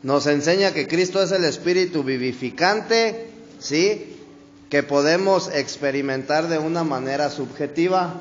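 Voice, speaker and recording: A man preaching a sermon in a conversational way, often calling the listener "brother" and checking "¿sí?", and drawing out key words slowly. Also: on the high side, roomy sound, big-room sound, highs cut off, a little hiss or hum. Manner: slow, drawn-out stresses on key words. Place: church hall.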